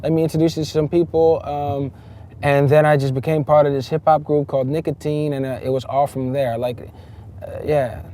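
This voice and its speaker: A man's voice: fairly high pitch, little pitch movement, a little fast, warm tone. A man, a rapper raised in the Netherlands, talking casually in an interview, emphatic and loose, with many fillers and restarts.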